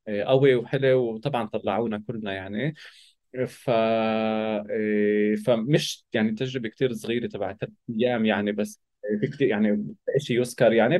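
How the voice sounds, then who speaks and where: A man's voice: on the low side, a little mellow. A man with a Palestinian Levantine Arabic accent, telling a personal story casually as an interview guest. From Palestinian from Israel.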